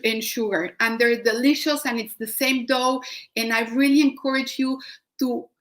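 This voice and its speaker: Woman, Mexican accent, higher register; warm, eager baking-demo instructor who restarts often. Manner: warm, enthusiastic, with frequent restarts. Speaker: cooking demonstrator. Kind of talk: live online baking demonstration.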